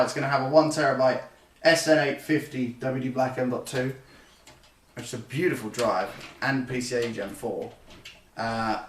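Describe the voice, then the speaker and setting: In a casual live-stream chat, a young man talks his viewers through his computer build, wandering off topic and fixing his own words as he goes. His voice is mid-range and a bit bright. The sound is roomy and slightly far off, with faint background noise.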